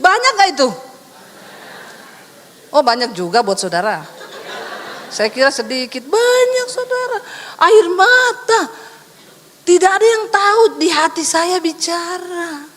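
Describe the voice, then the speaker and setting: A woman's voice: extremely high pitch, a bit bright. A middle-aged woman pastor preaching a sermon, emphatic and teasing, asking the congregation rhetorical questions. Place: church hall. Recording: long hall reverb.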